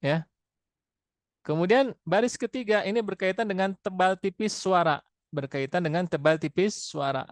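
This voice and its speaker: A man teaching Quran recitation rules, slowly repeating and sounding out Arabic letters for his students. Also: high voice, no echo. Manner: slow, repetitive, demonstrates letter sounds aloud. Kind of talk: classroom tajwid lesson.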